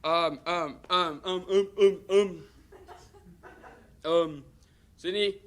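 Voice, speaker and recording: A young man giving a halting, self-conscious thank-you speech, full of fillers. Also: high-pitched, steady tone, fairly bright tone.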